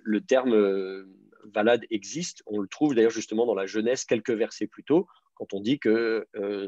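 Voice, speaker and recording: A man teaching, his voice low and husky, stopping often to hesitate and repeat himself as he explains step by step. The recording is close and dry, with slightly dull, lo-fi sound. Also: a little mellow, no echo. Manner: hesitant, many fillers and repeated words, patient explaining. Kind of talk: explanatory online class lecture.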